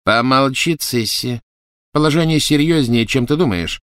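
A man's voice: medium pitch, normal speed, fairly bright tone, clean tone, no echo, studio quality, voice pushed up, lightly acted. A man voicing a frantic, cruel witch, hissing orders and rising to shrieks, in a storybook reading. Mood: commanding.

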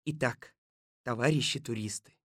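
A man's voice: a little high, normal speed, dry recording, clean studio sound, natural voice. A man voicing an earnest male detective chief who makes rousing speeches. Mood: calm. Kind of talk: audiobook reading.

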